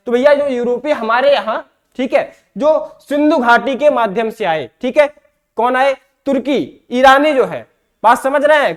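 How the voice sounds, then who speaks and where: A male teacher with an eastern Uttar Pradesh Hindi accent giving an exam-prep lecture, often asking questions and answering them himself. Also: extremely high pitch. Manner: repeats himself, asks and answers his own questions.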